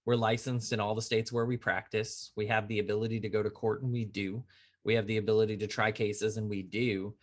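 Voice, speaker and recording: A man who is an insurance attorney, talking casually as a podcast guest and telling lively stories with acted-out dialogue. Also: lowish voice, a little fast. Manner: animated storyteller who acts out quoted dialogue. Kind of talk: conversational podcast interview.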